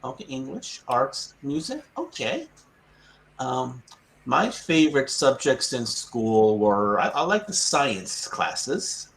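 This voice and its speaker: A man's voice: mid-range voice, very animated, slow, gravelly, fairly bright tone, a little hiss or hum. A man from the United States, tutoring English in casual conversation practice. He repeats the student's answers back patiently and chuckles often.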